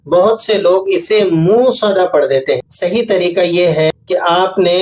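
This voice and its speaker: A man teaching correct Quranic pronunciation in a patient, corrective way, demonstrating words slowly. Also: high voice, a little mellow, slight background noise. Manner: patient, corrective explaining, with slow demonstrated examples. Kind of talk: instructional tajweed lesson.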